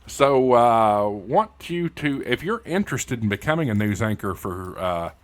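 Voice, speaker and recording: A man's voice: lowish voice, very animated, unhurried. A man with an Appalachian hillbilly accent hosting a casual tutorial in a folksy, informal way, talking straight to his viewers. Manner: folksy, informal, addresses viewers as y'all and guys. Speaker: YouTube host and amateur radio news anchor. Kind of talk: casual tutorial livestream chat.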